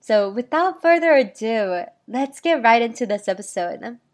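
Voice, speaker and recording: A woman with a Korean American accent, speaking as a podcast host in a slightly halting way. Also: fairly high pitch, animated. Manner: halting, self-conscious Korean mixed with English. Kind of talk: podcast introduction and interview.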